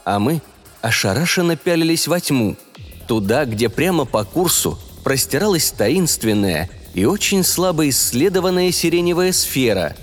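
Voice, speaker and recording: A man narrating a scripted science fiction story in a dramatic, expressive way. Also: on the high side, moderate pace. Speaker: audiobook narrator. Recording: long reverb, music behind.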